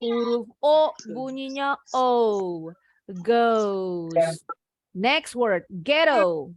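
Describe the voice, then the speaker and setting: Woman teacher, slightly high voice, dry close sound, slow and clear for kids. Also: lively intonation, dry recording, muffled recording. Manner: slow, clear modeling of words for children. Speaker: English teacher. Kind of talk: online class teaching.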